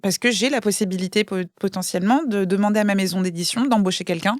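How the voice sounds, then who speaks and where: A French guest author thinks aloud in a casual podcast conversation, hesitating a lot and restarting her sentences, her speech thoughtful and thick with fillers. She talks fast at a medium pitch. The recording is studio quality with no room sound.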